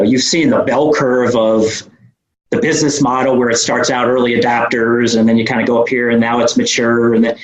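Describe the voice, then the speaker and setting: A man with a New York accent explains his ideas as a podcast guest. He rambles easily through fillers and restarts. His voice carries a roomy echo. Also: medium pitch. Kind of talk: casual interview conversation.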